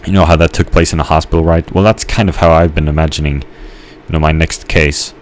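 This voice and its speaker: A man's voice: a bass voice, fairly even intonation, brisk, slight background noise. A man casually rambling while playing a game, hesitant, with many fillers and restarts. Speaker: gamer narrating his gameplay.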